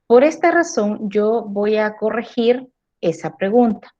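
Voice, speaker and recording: A woman gives a philosophy lecture in a mellow, medium-pitched voice with lively intonation, speaking a little slowly. She often checks in with tag questions and repeats words as she collects her thoughts, and the lo-fi recording sounds dull.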